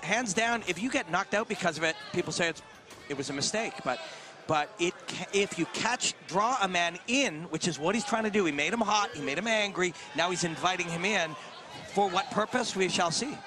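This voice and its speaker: A man's voice: high voice, a little fast. A man doing play-by-play commentary on a fight, explaining technique and strategy. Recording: commentary over crowd and music.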